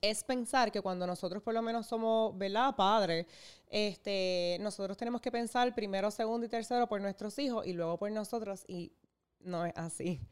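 Smooth-voiced Puerto Rican woman, expressive. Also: medium pitch, normal speed. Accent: Puerto Rican Spanish. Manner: expressive, laughs easily, talks through her own experiences. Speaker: guest. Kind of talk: casual interview chat.

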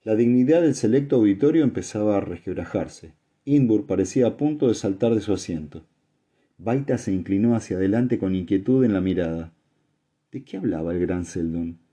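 A man narrating an audiobook in a steady, even reading voice. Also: lowish voice, fairly quick, breathy edge.

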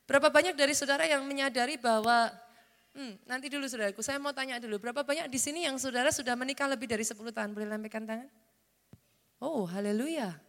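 A woman pastor, moving from fervent prayer to soft, confiding preaching. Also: high-pitched. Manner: fervent prayer with chanted tongues, then soft confiding talk. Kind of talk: sermon. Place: large church hall. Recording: reverberant church hall with music. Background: keyboard music.

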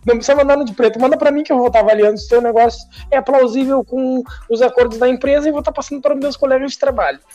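Teasing southern Brazilian podcast host. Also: male voice, very high-pitched, steady tone, rapid-fire, hardly any pauses, mellow, lo-fi sound, faint music behind. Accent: southern Brazilian, Rio Grande do Sul. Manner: teasing, mock-promotional. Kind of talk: casual chat.

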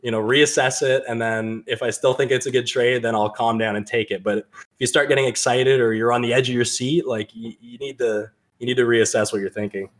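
Fast-talking man on a trading podcast. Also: steady tone. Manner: fast, rambling, acts out quoted people in a higher voice. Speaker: podcast co-host. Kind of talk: casual trading podcast chat.

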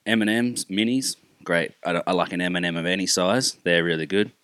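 A middle-aged Australian man with a slightly low voice hosts a relaxed chat among mates. He talks like a blokey, matey everyman, and the sound is dry and close. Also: brisk, no room sound. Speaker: podcast host. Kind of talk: casual group chat.

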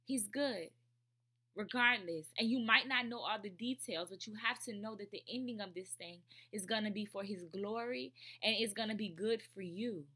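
A woman's voice: medium pitch, normal speed, hardly any pauses, sharp tone. A woman giving earnest, emphatic spiritual encouragement, speaking straight to the listener and repeating phrases for stress. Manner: direct address to the listener. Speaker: faith speaker. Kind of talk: spoken devotional encouragement.

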